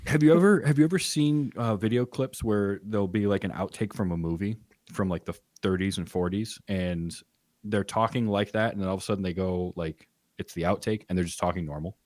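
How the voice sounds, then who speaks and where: Deep-voiced man chatting animatedly. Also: brisk, no echo, studio quality. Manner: rambling, animated storyteller. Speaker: podcast guest. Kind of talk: casual chat.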